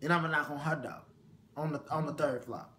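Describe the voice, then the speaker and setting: Male co-host, sassy and profane, casual gossip chat, bright tone. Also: a little high, fairly even intonation, a little fast, a little hiss or hum. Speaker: vlog co-host.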